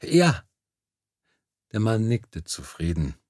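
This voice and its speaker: A man narrating an audiobook in a measured, even reading style. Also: lowish voice, dry recording, studio quality. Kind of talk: scripted narration.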